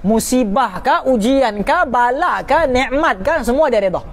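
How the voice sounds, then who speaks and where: A man's voice: very high voice, animated, a little slow. A man teaching a religious class, often checking in with his listeners and drawing out key words for emphasis.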